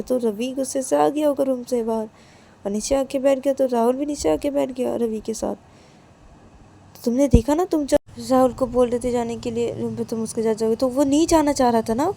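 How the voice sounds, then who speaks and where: A woman's voice: a little high, vocal fry, dark tone. A woman voicing a young wife in a story who argues, scolds and repeats herself. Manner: scolding, repeats her words. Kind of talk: storytelling with acted dialogue.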